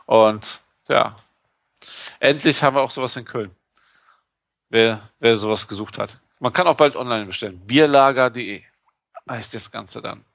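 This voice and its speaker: A man's voice: medium pitch, normal speed, creaky, fairly bright tone, dry recording. A man co-hosting a podcast in casual chat, speaking, joking and full of fillers. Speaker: podcast co-host.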